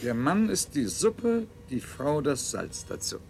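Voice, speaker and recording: In a German sci-fi radio play with music underneath, a man plays a cold, self-satisfied scientist-ruler extolling his breeding system. His fairly high voice is very animated, slow and heavily acted, theatrical and clinical as he relishes each word.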